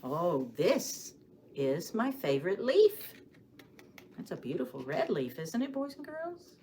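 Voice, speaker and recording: Pitched on the low side, a woman's sing-song, expressive voice carries a children's librarian's storytime of rhymes and read-aloud stories for young children. She regularly poses questions to the kids and leaves pauses for them to answer. The recording has clearly audible background noise.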